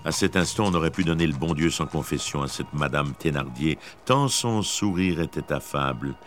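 Deep-voiced male storyteller. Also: slight background noise. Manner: measured, expressive storytelling. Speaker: narrator. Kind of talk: scripted storybook narration.

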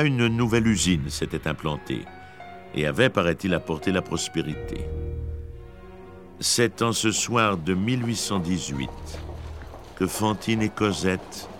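A man giving measured, expressive scripted narration of a classic story. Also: low voice, music in the background.

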